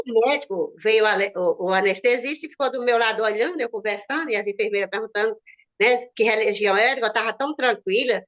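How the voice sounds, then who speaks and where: A woman's voice: a bit bright, muffled recording. A woman with a Brazilian Portuguese accent, earnestly telling a personal testimony and acting out the voices of the people in it. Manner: earnest, acts out quoted voices with sudden jumps in pitch. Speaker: guest giving a testimony. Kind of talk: emotional personal storytelling.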